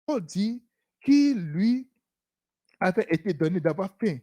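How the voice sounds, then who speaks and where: A preacher giving an animated sermon, breaking it up with frequent hallelujahs and acted-out exchanges. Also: medium pitch, slow pace. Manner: animated, repeats "Alléluia", acts out dialogues.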